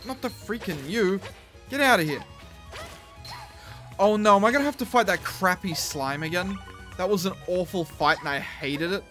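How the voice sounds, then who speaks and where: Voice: medium pitch, normal speed, a bit bright, soft background music. A gamer giving casual, reactive commentary while playing, swearing and exclaiming at the game as they talk to themselves. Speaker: video game streamer.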